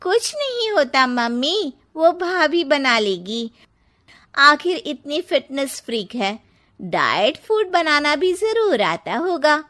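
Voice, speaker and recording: A woman's voice: high-pitched, sing-song, slow pace, fairly bright tone, voice pushed up, heavily acted. A woman voicing a pert, whiny young sister-in-law in a storybook style. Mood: teasing. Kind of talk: storybook character voice.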